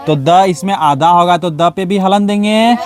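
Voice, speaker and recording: A man's voice: sits high, a little slow, noisy background. A male teacher leading a classroom lesson, firing repeated questions at his students for them to answer back. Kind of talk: classroom lesson with call-and-response. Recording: class chatter and student replies behind.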